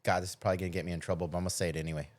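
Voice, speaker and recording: A man's voice: low voice, little pitch movement, rapid-fire, soft background music. A man hosting a podcast, talking in a loose, rambling way with plenty of swearing. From United States. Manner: profane, rambling, laughs often. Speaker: podcast host. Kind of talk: casual podcast chat.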